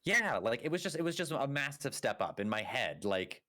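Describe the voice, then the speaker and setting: A man's voice: mid-range voice, sing-song, moderate pace, pushed and bright, no room sound, clean studio sound. A man co-hosting a podcast in casual chat, rambling with lots of fillers and self-corrections. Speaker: podcast co-host.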